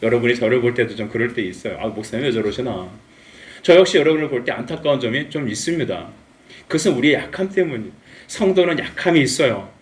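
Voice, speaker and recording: A male pastor preaching a Sunday sermon in a church, lively and humorous, acting out the characters' lines. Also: mid-range voice. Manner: animated, acts out dialogue with humor. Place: church sanctuary. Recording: echoey room, mic at a distance.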